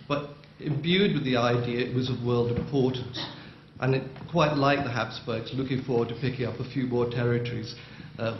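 A man's voice: mid-range voice, a little hiss or hum. A man in the audience of a debate putting a long, articulate question to the panel with dry irony. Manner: articulate, dryly ironic. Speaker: audience member asking a question. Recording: dull, roomy hall recording.

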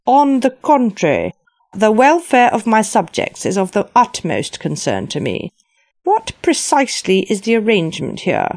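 A woman's voice: medium pitch, wildly swooping pitch, normal speed, a little mellow, no echo, pitched above the performer's own voice. A woman voicing an imperious elderly widowed queen who speaks formally and with disdain.

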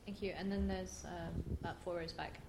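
A woman chairing a public event, briskly calling on audience members for questions. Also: lowish voice, steady tone. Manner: brisk, directing questions from the floor. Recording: roomy hall with background noise.

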